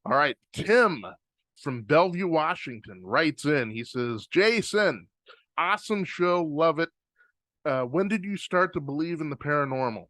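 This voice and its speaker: A podcast host from the US Pacific Northwest reads listener mail in casual, rambling chat, often restarting and using fillers. Recorded on a close studio microphone with no echo, his fairly high, fairly bright voice has lively intonation and a measured pace.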